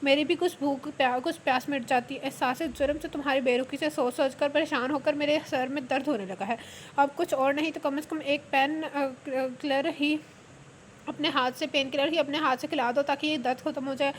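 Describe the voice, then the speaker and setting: Romantic pleading husband, read by a woman, high voice, flowery words, storybook reading, faint room hiss. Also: fairly even intonation, normal speed, close to an everyday voice. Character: ardent young husband pleading for his wife's return.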